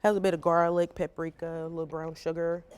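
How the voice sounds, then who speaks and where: Lowish-voiced woman demonstrating a recipe. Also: level tone, brisk, a little mellow, clean tone. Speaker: assistant restaurant manager cooking. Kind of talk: cooking demonstration.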